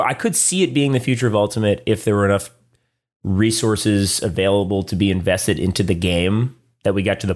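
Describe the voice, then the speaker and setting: A man co-hosting a casual podcast, reading listener emails in a laid-back way with lots of ums and uhs. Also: deep voice. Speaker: podcast co-host. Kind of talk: casual chat.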